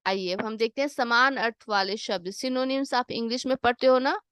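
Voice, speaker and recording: Patient woman teaching Hindi, higher voice. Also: brisk, fairly bright tone, clear, resonant tone, no room sound, clean studio sound. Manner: patient, asks questions then answers them herself; mixes English glosses into her explanations. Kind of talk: worksheet lesson voice-over.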